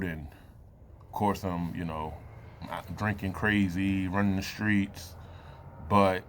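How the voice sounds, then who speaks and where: A man in his late thirties giving a reflective personal talk to camera, loose and halting, with many fillers and pauses. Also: lowish voice, fairly bright tone, slight background noise. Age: 30s. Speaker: vlogger.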